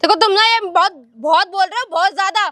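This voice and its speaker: A woman's voice: extremely high pitch, quick pace, a bit bright, no echo, studio quality. A young woman playing a wife who pleads and defends herself. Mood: exasperated.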